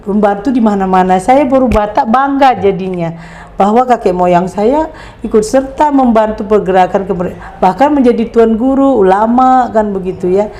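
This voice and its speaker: A woman's voice: on the high side, dark tone. A middle-aged woman from Indonesia, speaking as an interview guest and making her points emphatically with rhetorical questions. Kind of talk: conversational interview.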